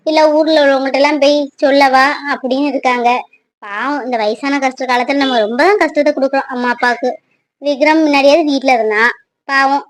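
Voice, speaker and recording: A woman voicing a gentle young bride-to-be who muses quietly to herself in a cartoon. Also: high-pitched. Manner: soft, musing, quiet.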